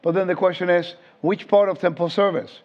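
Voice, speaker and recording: High-pitched and fairly quick, with fairly even intonation, this man's voice carries an informal Bible lesson. He's a Puerto Rican teacher in his fifties who talks conversationally and often quizzes the group, heard through dull lo-fi audio.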